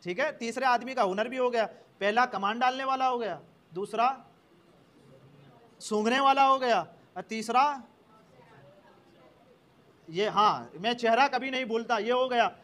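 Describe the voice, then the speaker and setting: A man's voice: very high voice, long pauses, bright, forceful tone. A male preacher telling a story in a sermon, animatedly speaking the characters' lines in turn.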